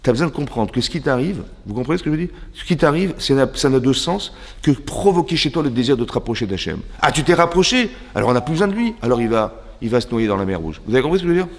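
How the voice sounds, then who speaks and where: Man, French accent, rabbi's lesson, mid-pitched voice, lively rhetorical questions, long hall reverb. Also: very fast, few pauses. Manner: animated, asks the class rhetorical questions. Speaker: rabbi teaching a women's class. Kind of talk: religious lesson. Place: seminary classroom.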